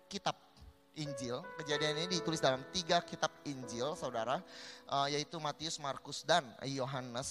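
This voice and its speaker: A male pastor with an Indonesian accent, preaching a sermon that mixes Indonesian with English phrases and often calls listeners "saudara". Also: medium pitch.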